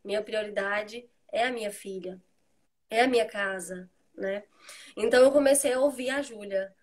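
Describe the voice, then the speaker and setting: A woman's voice: medium pitch, moderate pace. A Brazilian woman in her thirties, a mother and host, chatting casually and acting out what she says to her children. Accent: Brazilian Portuguese. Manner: animated, acts out quoted dialogue with her children. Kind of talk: casual conversation.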